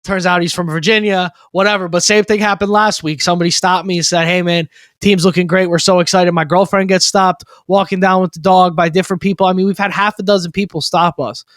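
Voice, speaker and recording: A young man in his twenties co-hosting a sports talk podcast, excited and emphatic, repeating phrases for effect. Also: high voice, quick pace, hardly any pauses, dry recording, studio quality. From Maryland, USA. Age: 20s. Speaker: co-host.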